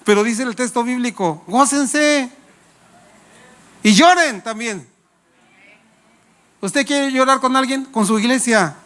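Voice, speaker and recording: High-voiced lively male pastor preaching. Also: takes it slowly, pauses often. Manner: lively preaching with rhetorical questions to the congregation; playful, laughs while telling anecdotes. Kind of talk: sermon.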